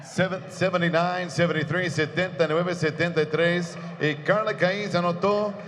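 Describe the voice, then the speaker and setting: Male ring announcer, high voice, grand lucha libre delivery, bilingual, long hall reverb. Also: steady tone, a bit bright. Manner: grand lucha libre-style announcing with drawn-out winner call. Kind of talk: bilingual fight announcing in Spanish and English. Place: boxing venue in a theater. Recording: echoing arena PA, clearly noisy.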